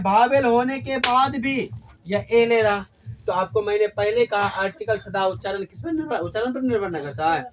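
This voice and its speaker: Man, high-pitched voice, classroom grammar lesson, asks questions and echoes answers. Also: a bit bright, slight background noise. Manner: call-and-response questioning, repeats key words. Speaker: teacher.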